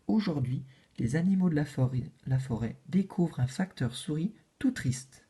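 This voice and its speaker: A woman reading a children's story aloud in a gentle, expressive way. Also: deep voice, normal speed, husky.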